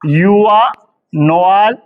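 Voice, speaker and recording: A man's voice: sits high, very slow, narrow, tinny audio. A middle-aged male history professor from India giving a classroom lecture, who asks the students questions and answers them himself, calling them "beta" and tagging "hai na" onto his sentences. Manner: calls students "beta" and keeps adding "hai na".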